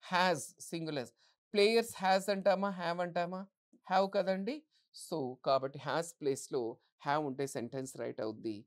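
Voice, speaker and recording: A woman teaching English grammar for exams, asking the class questions and answering them herself. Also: lowish voice. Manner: reads English example sentences slowly and deliberately. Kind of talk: exam-prep grammar lesson.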